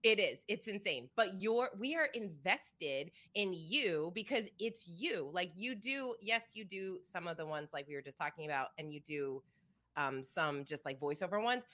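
A woman's voice: fairly low pitch, animated, normal speed, a bit bright. A woman hosting a casual podcast, talking effusively and laughing often. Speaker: podcast host.

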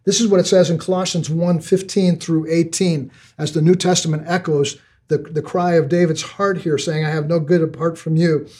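A man's voice: fairly high pitch, level tone, normal speed, warm tone, breathy edge. An older man preaching a sermon, earnest, often repeating words as he builds each point. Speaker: pastor.

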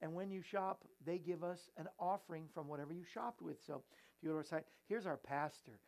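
A man's voice: a little high, a little fast, gravelly, a little mellow. A man hosting a show in an easygoing, playful way, chatting and joking with his crew and viewers. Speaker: host. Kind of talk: casual chat.

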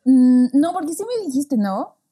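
A woman with a Mexican accent co-hosting a podcast, expressive and playful in casual chat. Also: high voice, unhurried. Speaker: podcast host.

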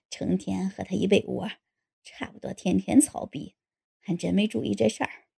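A woman's voice: fairly even intonation, moderate pace, warm tone, heavily acted. Woman playing a tipsy, gullible husband. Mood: tipsy boastful. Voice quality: low husky voice. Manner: drunk, sheepish then boastful. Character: tipsy gullible younger married man. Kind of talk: audiobook character voice.

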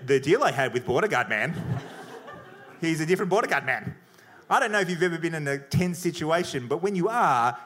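Bright high-voiced man telling a comic story. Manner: energetic, swearing, laughs through his own story. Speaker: comedy debater. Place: comedy venue before a live audience.

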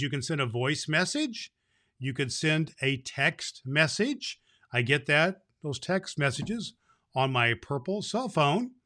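A man playing Santa Claus as a jolly, hearty old man, hosting and reading to children in a folksy, slightly halting way. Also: fairly high pitch, bright, forceful tone. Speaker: host and story reader. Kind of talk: children's holiday podcast talk and story reading.

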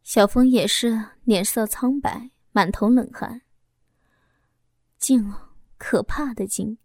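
A woman's voice: on the high side, dark tone, no room sound. A woman narrating a first-person story in an intimate, confessional way, reading close to the mic. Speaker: audiobook narrator.

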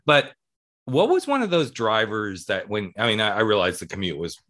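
Male podcast host, low voice, lively intonation, conversational. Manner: friendly, drawn-out questions with quick affirmations. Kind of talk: casual interview.

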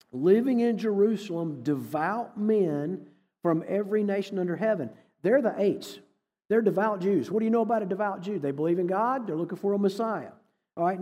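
Speaking in a mellow, high-sitting voice, a middle-aged man addresses a church hall as a guest speaker. His sermon takes the form of folksy, conversational storytelling with quoted dialogue, and the recording carries the hall's echo.

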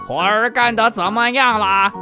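A man voicing a lazy, fat farmer who yells demands from his bed in a picture-book reading. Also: high voice, moderate pace, over music, pitched above the performer's own voice, lightly acted. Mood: bossy shouting. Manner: yelling demands.

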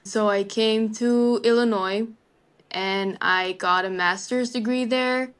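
Speaking slowly with fairly even intonation, this young Dutch woman, a native speaker from the Netherlands, answers interview questions casually as a guest; she works as a legal assistant. Her mid-range voice is smooth and fairly bright, and she chats easily, peppering her speech with "like" and "kind of."

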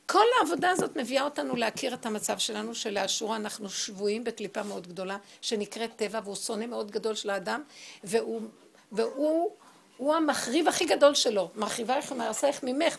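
Middle-aged female spiritual teacher, slightly high voice with fry, emphatic storyteller. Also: a little hiss or hum. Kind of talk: spiritual talk with personal storytelling.

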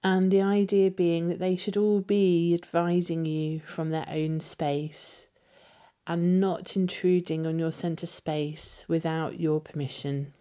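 A woman leading a guided meditation with soothing, unhurried instruction. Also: fairly low pitch, flat delivery, dark tone, smooth.

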